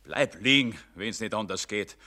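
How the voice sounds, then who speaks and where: Scared rich bavarian man near death, bright voice, jumpy and defensive, radio play. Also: fairly low pitch, lively intonation, measured pace, heavily acted. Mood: anxious. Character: rich man facing death, fearful, proud. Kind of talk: broadcast radio play acting.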